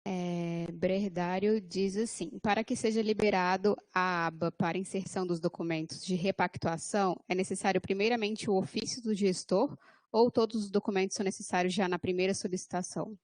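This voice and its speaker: Brazilian woman, mid pitch, courteous webinar moderator, dry close sound. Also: steady tone, fairly quick, darkish tone, dry recording. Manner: polite, formal, ends with "tá bem?". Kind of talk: reading out audience questions.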